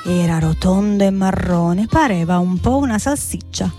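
A woman who reads a picture book aloud for children and explains things gently. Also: lowish voice, expressive, moderate pace. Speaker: storyteller for children. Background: soft blues guitar.

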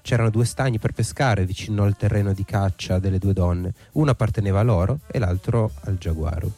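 Dark-voiced male storyteller, faint music. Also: on the low side, brisk. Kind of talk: folk tale reading. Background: faint instrumental music.

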